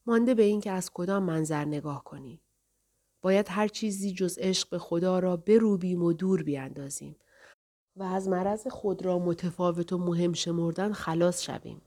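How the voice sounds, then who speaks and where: A woman voicing a calm, dignified male scholar who speaks softly, measured and courteous. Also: lowish voice, natural voice.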